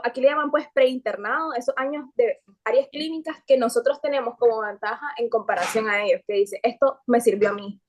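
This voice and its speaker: A woman with a Nicaraguan accent and a slightly high voice. She asks her questions politely and hesitantly, circling back with fillers as she searches for words. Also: darkish tone. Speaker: audience participant asking questions. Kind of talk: casual interview questions.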